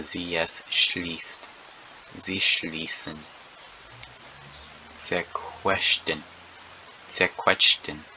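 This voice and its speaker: A man teaching a lesson, drilling verb conjugations word by word and repeating each one deliberately, with an occasional slip. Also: deep voice, pushed and bright, a little hiss or hum, poor audio. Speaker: language teacher.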